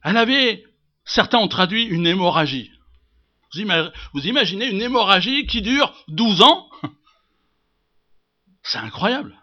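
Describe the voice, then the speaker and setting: A man preaching a sermon to his congregation, swinging from loud emphasis to hushed asides and asking rhetorical questions. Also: high-pitched, expressive, a little slow, long pauses, highs cut off. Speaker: pastor.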